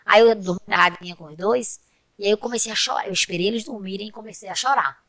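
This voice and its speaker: A woman's voice: medium pitch, quick pace, fairly bright tone. A woman, a podcast guest telling heartfelt personal stories in a casual chat and often turning to speak to the listeners. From Pernambuco, Brazil.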